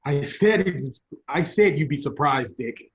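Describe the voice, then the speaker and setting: In an old-style radio play, a man plays a proud older inventor professor, explaining things theatrically and now and then stumbling over his words. His voice is fairly high, with lively intonation and an unhurried pace, and the recording sounds dull and lo-fi.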